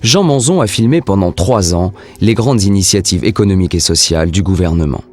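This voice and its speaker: A man's voice: sits low, a little fast, a little mellow. A man reading scripted narration for a historical documentary.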